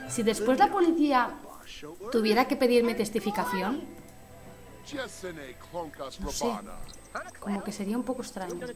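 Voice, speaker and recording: Spanish lady playing a sims game, fairly high voice, swears a lot, sings silly bits, game music behind. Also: normal speed, pauses often. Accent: Spain. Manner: excitable, swearing, breaks into silly singing. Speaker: gaming host. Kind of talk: let's play commentary.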